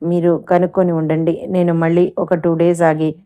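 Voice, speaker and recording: A woman's voice: lowish voice, little pitch movement, moderate pace, warm tone, close to an everyday voice. A woman doing a courteous young male caller. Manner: very courteous, formal. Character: very polite young man, a caller and surgeon.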